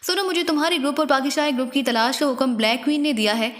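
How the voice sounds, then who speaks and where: A woman's voice: high-pitched, very fast, a bit bright. A woman voicing a frightened middle-aged male crime boss who is a doting father and talks in a frantic, pleading way. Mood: confiding. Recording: long reverberant echo.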